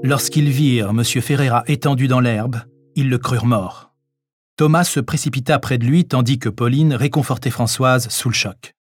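A man reading an audiobook chapter in an even, measured narration. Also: mid-range voice, husky, dry recording, faint music behind. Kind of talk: scripted narration.

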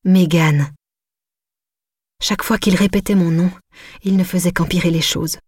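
A woman narrating a novel in the first person, in an intimate, measured way. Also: fairly low pitch, fairly even intonation, a little mellow, slightly rough, no room sound, studio quality. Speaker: audiobook narrator.

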